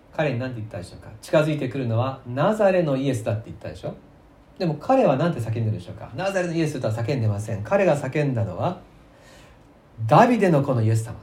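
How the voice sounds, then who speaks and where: A male pastor preaching a sermon, telling the story with emphasis, swinging between loud and soft and asking the listeners questions. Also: on the high side, echoey room. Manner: asks the congregation rhetorical questions.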